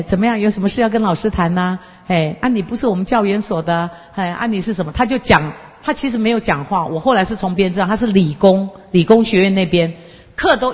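A woman in her 50s, a counseling lecturer, tells a story to an audience in a medium-pitched, slightly rough voice. She's lively, acting out the dialogue and mimicking people as she goes. She uses a handheld microphone in an echoey hall, and the sound is dull and lo-fi.

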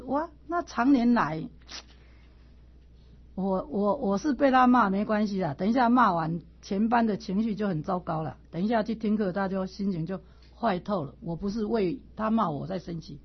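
A middle-aged woman with a husky, breathy voice teaches a class in a casual, animated way. She tells stories and stumbles over her words when she starts again. The recording sounds dull and lo-fi. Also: mid-range voice, normal speed. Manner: animated storyteller, repeats words and stammers on restarts.

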